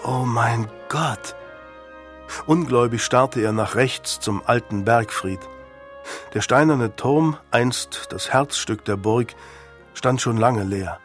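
A man reading an audiobook aloud in scripted narration, with an even storytelling delivery. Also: medium pitch, slow pace, soft background music.

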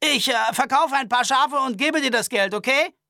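A man's voice: very high-pitched, moderate pace, sharp tone, no room sound, studio quality, voice pushed up, exaggerated voice. A man voicing a nervous, rambling sheep farmer in a Western audiobook, babbling and laughing nervously.

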